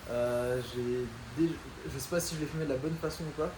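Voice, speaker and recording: A man's voice: medium pitch, a little fast. A man from southern France, a podcast guest chatting casually and hesitantly in a rambling way. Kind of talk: casual chat. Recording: echoey room, loud background noise.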